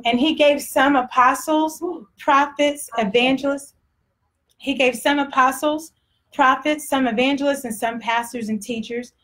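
Woman preacher, Texas accent, blunt and chatty, fairly high voice. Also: steady tone, a little slow, a bit bright. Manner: blunt, conversational preaching with laughs. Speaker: pastor. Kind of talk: sermon.

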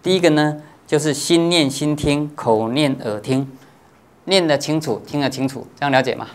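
A man, a Buddhist monastic teacher, giving a dharma lecture in a patient, explanatory way, often pausing on drawn-out filler particles and checking that his listeners understand. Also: fairly high pitch.

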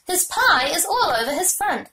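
A woman's voice: extremely high pitch, very animated, moderate pace, over a noisy crowd, voice pushed up. A woman reading aloud, voicing a bossy young farm girl who calls out orders and complaints. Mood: excited. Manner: commanding, exclaiming.

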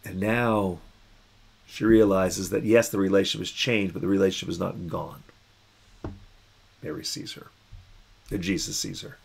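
Pastor type, a man with a gravelly, husky voice, talks through scripture in a relaxed, musing way. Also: low-pitched, moderate pace, long pauses. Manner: musing, conversational, acts out quoted voices. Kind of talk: reflective Bible reflection.

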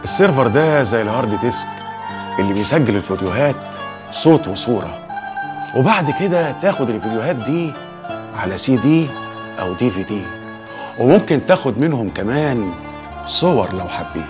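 A man's voice: mid-range voice, very animated, brisk, long pauses, close to an everyday voice. An actor with an Egyptian Arabic accent playing an eager male electronics dealer with fawning salesman patter, in a TV drama. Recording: TV drama with music underneath.

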